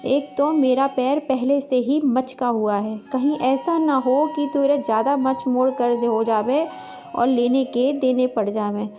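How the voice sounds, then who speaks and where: A woman's voice: high voice, steady tone, a little slow, soft background music. A woman voicing a harsh middle-aged mother-in-law in a storybook tale, talking sharply. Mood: scolding. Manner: sharp, scolding.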